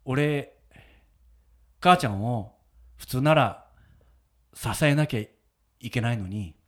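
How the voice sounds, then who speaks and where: A man with a medium-pitched, fairly bright voice takes his time as he hosts a casual radio chat. He's a radio show host and wedding photographer, telling a moving story and often breaking into laughter.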